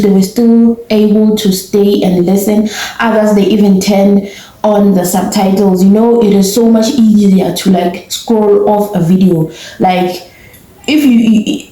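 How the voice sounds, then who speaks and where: This is a young woman with a South African accent, chatting to her audience in a casual vlog. Her voice is mellow and her delivery measured. The sound carries a noticeable room echo. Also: medium pitch. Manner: earnest and grateful, talks to viewers directly. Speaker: vlogger. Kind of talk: casual vlog talk to camera. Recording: roomy echo.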